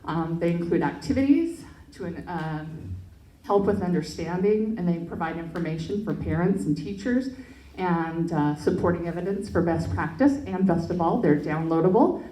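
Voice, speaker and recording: An earnest woman pitches her project in a low, mellow voice, stumbling over fillers and restarts. She is picked up from a distance in an echoey hall. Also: animated, normal speed. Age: adult parent. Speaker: project presenter. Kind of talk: pitch presentation and Q&A. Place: event hall. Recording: echoey room, mic from far off.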